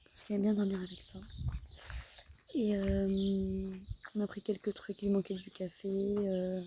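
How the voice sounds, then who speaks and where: Chatting casually to the camera, a young woman vlogs her family's day as a mother, rambling and full of fillers and self-corrections. She has a mid-range voice, and the background is noisy.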